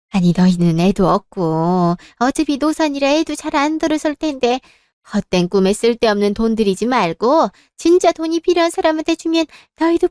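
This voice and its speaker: A high, shrill-edged older mother-in-law who scolds and nags without letup, as a woman reads her part in a dramatized story. She harps on demands in a reproachful tone, and the sound is dry and close, with no room around it. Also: a little mellow, no room sound. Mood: scolding.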